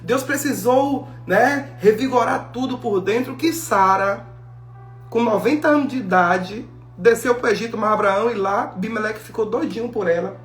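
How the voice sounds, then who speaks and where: Female preacher, lively sermon delivery, roomy echo with soft music behind. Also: on the high side, normal speed. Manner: animated storytelling, acting out biblical dialogue. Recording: echoey room with faint music.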